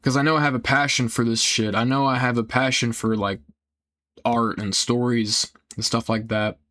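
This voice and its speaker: A young man talking casually and earnestly in a rambling, halting way that often trails off, with some casual swearing. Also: mid-range voice, fairly even intonation, bright, forceful tone. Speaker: video creator. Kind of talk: casual rambling personal talk.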